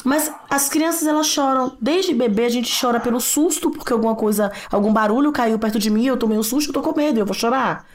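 A Brazilian woman guest with a slightly high voice explains things in a reflective, conversational way. She laughs easily and talks with warmth about everyday family life. Her Brazilian Portuguese accent is clear throughout. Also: brisk, few pauses. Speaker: guest expert, writer and psychoanalyst.

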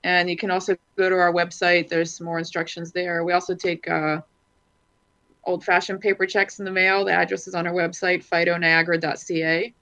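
A woman giving a casual radio interview as a guest, speaking haltingly with many filled pauses. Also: on the low side, level tone, sharp tone. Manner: hesitant, halting, frequent long filled pauses. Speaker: interview guest, charity organiser.

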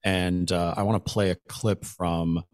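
Male host, deep voice, dry close recording, chatty with frequent asides. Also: steady tone, measured pace, a little mellow, no echo. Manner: conversational, frequent "right?" asides. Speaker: podcast host. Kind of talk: casual policy chat.

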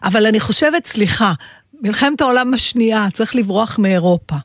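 A woman's voice: a little high, dry recording, studio quality. A woman co-hosting a casual talk show, chatty and restarting her sentences as she thinks aloud. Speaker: radio co-host. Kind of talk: casual talk-radio discussion.

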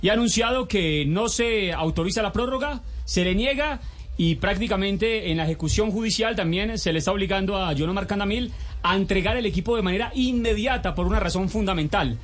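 A Colombian man with a high-pitched voice works as a radio reporter. He delivers news and puts questions to a guest. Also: brisk.

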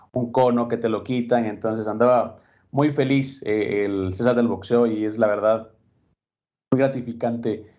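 A man co-hosting a casual boxing talk show, reflective and steady, often tagging his points with a question. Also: medium pitch. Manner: reflective, steady, frequent "¿no?" tags. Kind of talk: casual sports chat. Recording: dull lo-fi recording.

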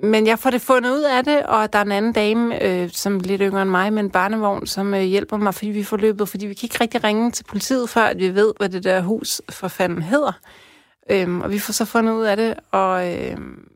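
A woman from Denmark casually telling a personal story, chatty with many fillers, dropping to a hush and then rising with excitement. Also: mid-range voice, dry recording, studio quality.

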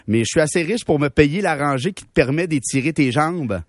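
A young man with a Québécois French accent, telling a comic story on a radio show with slangy, animated delivery and laughs at his own jokes. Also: a little high, a little fast, no room sound, clean studio sound. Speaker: radio show humor columnist.

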